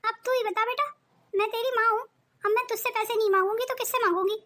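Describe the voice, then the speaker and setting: A woman voicing a scheming, cruel older mother-in-law in an animated cartoon, with theatrical self-pity and gloating taunts. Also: extremely high pitch, fast.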